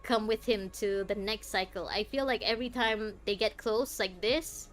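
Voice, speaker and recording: A young woman streaming a game, chatting to viewers with lots of laughter and excited reactions. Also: medium pitch, moderate pace, soft background music. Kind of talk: live gameplay commentary.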